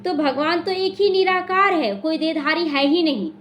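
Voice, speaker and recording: High-voiced woman giving a spiritual talk. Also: normal speed, slight background noise. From India. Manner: explanatory, asks and answers her own questions. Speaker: spiritual teacher explaining the daily murli. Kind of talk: devotional class talk. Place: small prayer hall.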